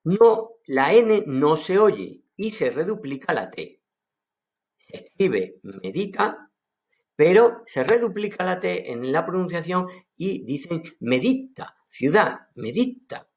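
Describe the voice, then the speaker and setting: A man from Seville with an Andalusian accent, teaching an online language lesson and enthusiastically explaining words, repeating them slowly. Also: high voice, big pitch swings. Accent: Andalusian Spanish. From Seville, Spain. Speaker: Aramaic teacher.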